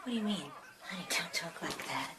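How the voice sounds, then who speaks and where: A woman's voice: lowish voice, animated, brisk, lightly acted. An actress playing a worried woman who keeps pressing with anxious questions about her missing sister-in-law. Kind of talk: film drama. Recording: film soundtrack with background noise.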